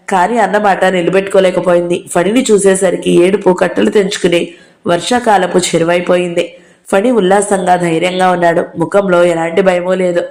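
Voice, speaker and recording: A woman narrating an audio novel in a steady, measured reading voice. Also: on the low side, roomy sound.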